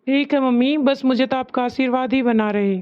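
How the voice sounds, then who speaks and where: A woman's voice: high-pitched, fairly even intonation, normal speed, clear, resonant tone, muffled recording, close to an everyday voice. A woman voicing an agreeable adult son speaking on the phone in a cartoon story. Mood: obliging. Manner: agreeable, easygoing.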